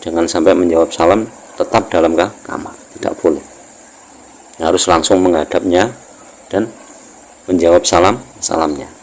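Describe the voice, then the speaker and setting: Deep-voiced teacher explaining verse. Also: male voice, low-quality recording. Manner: chants verse lines slowly, then explains in a calm measured tone. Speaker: religious teacher. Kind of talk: reading and explaining religious verse.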